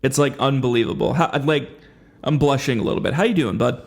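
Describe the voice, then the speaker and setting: A man's voice: medium pitch, quick pace, creaky. A man hosting a podcast in casual chat, joking and teasing his guest and rambling with frequent restarts. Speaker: podcast host.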